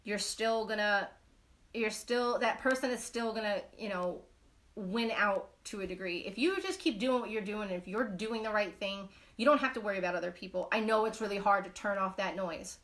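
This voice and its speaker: A woman chats on a live stream, blunt and foul-mouthed, rambling through endless fillers. Her voice has a bright, sharp edge. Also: medium pitch, normal speed. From Brooklyn, New York. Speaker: knitting live-stream host. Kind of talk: casual live-stream chat.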